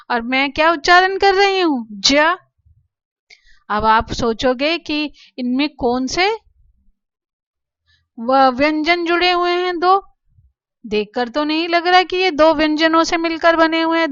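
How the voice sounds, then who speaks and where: A woman teaching children Sanskrit letters, explaining slowly and patiently, asking questions and answering them herself. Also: high-pitched, a bit bright, no room sound, highs cut off. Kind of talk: slow classroom explanation to children.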